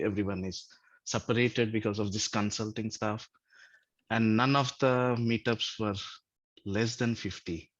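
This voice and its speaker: A man's voice: on the low side, dry recording. A man from Latvia introducing himself on a video call, hesitant with many fillers. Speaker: community organizer. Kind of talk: casual video call chat. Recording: dull, muffled call audio.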